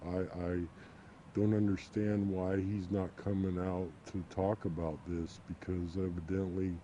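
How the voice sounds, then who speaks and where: A man with an electronically disguised, lowered voice, giving halting interview answers as an anonymous witness. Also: little pitch movement, dark tone, muffled recording, a little hiss or hum. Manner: hesitant, halting with fillers. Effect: voice electronically disguised, lowered and darkened.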